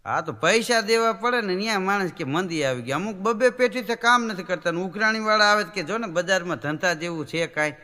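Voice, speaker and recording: A man's voice: sits high, lively intonation, a little fast, few pauses, sharp tone. A man, a folk comedian telling jokes on stage and acting out voices and animal sounds. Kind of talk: live stage joke-telling. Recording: reverberant hall recording.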